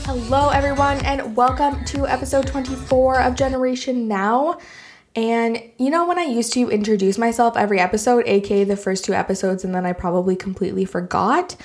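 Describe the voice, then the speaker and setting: A woman's voice: on the high side, brisk, faint music behind. A woman with a Canadian accent hosting a solo podcast in a casual, chatty, enthusiastic and informal way. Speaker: podcast host.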